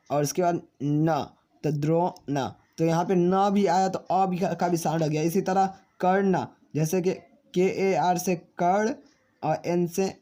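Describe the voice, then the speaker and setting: In a high, mellow voice, a man leads a spelling lesson for viewers he calls friends. He slowly spells out names letter by letter and answers his own questions.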